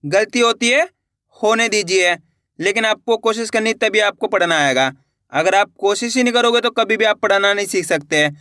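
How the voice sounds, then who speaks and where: A man's voice: high-pitched, normal speed, pushed and bright, no echo, studio quality. A man teaching Hindi reading. He spells each word out syllable by syllable and encourages viewers, whom he calls friends. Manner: spells words syllable by syllable, drawn out. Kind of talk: slow step-by-step reading lesson.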